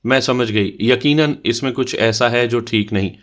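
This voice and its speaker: A man's voice: medium pitch, fairly bright tone, close to an everyday voice. A man voicing a huffy proud young woman. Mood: indignant. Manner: indignant, huffy.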